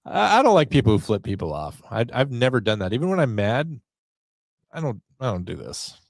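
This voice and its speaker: Podcast guy, low gravelly voice, dry close mic, joking about himself. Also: very animated, brisk, no room sound. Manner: wry, self-mocking storytelling. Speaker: podcast host. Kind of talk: casual comedic monologue.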